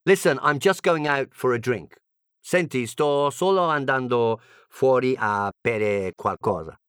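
A man's voice: medium pitch, slow, fairly bright tone, clear, resonant tone, no echo, clean studio sound. A man from England with an English accent and English as his first language, giving a playful, joking language lesson as a teacher. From England (Birmingham).

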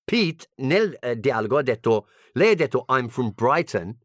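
Playful English-accented man teaching, lively pitch. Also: measured pace, no echo, studio quality. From England (Birmingham). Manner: playful, joking asides. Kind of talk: humorous language lesson.

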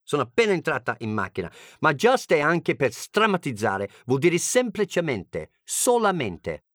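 A man's voice: fairly high pitch, huge pitch swings, moderate pace, fairly bright tone, no echo, clean studio sound. A man from England with an English accent and English as his first language, giving a playful, joking language lesson as a teacher. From England (Birmingham).

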